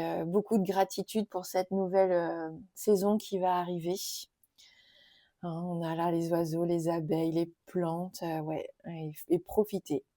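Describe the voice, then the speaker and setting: A woman presenting oracle and tarot cards in a casual video, chatty and gentle, with many fillers. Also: on the low side, no echo, studio quality. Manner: gentle, enthusiastic about nature and cards. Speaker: tarot and oracle card youtuber. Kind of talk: casual card-showing tag video.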